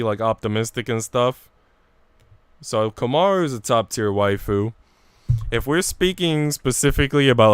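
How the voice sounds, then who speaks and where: A male game streamer with a clear, resonant mid-range voice talks casually to his audience in informal slang. In a dry recording, he reads visual novel dialogue aloud as part of his livestream chat.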